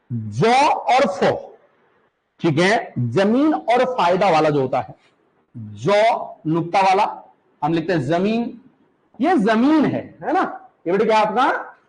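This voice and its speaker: A male classroom teacher from the Uttarakhand hills speaks in a high voice, repeating words slowly for students to take down and often asking whether they understand. The recording is rough.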